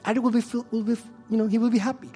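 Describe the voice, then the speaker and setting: A man preaching a sermon who swings between hushed and loud delivery. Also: extremely high pitch, little pitch movement, rapid-fire, breathy edge, faint music behind. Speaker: pastor.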